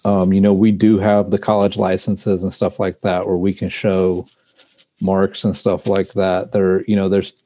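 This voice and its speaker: A man's voice: low-pitched, completely flat delivery, unhurried, dark tone, no echo. A man being interviewed as a guest on a casual podcast, often restarting and repeating words as he thinks. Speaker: guest, trading card company representative.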